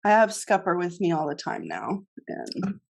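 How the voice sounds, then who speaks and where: A woman's voice: fairly low pitch, sing-song, normal speed, vocal fry. A woman co-hosting a podcast in a studio, chatting casually and giggling often. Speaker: podcast co-host. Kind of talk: casual chat.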